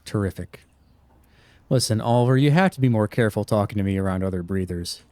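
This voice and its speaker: Guy doing a deadpan ghost, dry close sound, flat delivery. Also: fairly low pitch, fast talker, dry recording, close to an everyday voice.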